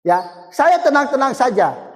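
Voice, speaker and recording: A man's voice: very high voice, sing-song, unhurried, in a large hall. A man, preaching a sermon and telling a personal testimony in a conversational, storytelling way. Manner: conversational, storytelling with acted quotes and chuckles.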